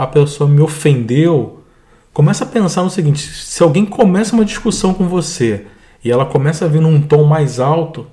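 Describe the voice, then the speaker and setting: Mellow-voiced Brazilian man on faith. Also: fairly high pitch. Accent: Brazilian Portuguese. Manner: calm, explanatory, adds to his co-host. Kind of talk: devotional teaching talk.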